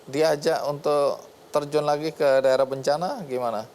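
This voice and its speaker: A man's voice: a little high, steady tone, normal speed, a little mellow, slight background noise. A man hosting a talk show, asking his guest short, probing questions and prompting her on.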